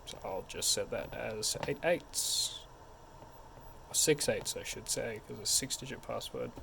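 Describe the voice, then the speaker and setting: A tech support instructor narrates a hands-on technical tutorial informally, step by step, in a medium-pitched voice at a measured pace. Background noise is clearly audible.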